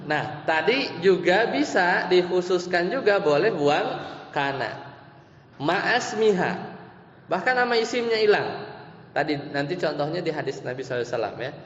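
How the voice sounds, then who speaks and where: A man teaching Arabic grammar in an Islamic study class, explaining slowly, repeating terms, and asking and answering his own questions. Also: fairly high pitch, expressive, a bit bright. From Indonesia. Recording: echoey lo-fi hall recording with faint hum.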